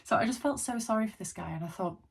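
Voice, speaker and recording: Husky, hungover woman telling a story. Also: on the high side, expressive, fast. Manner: informal, rambling, self-deprecating. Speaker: content creator telling a personal story to camera. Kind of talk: casual chatty storytime vlog.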